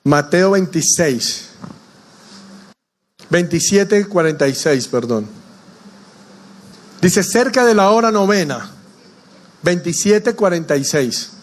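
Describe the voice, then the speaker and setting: A male pastor delivers a sermon in a church. His voice sits high for a man, and he keeps turning to the congregation with questions. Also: expressive, slow, long pauses. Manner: preaching with rhetorical questions to the congregation.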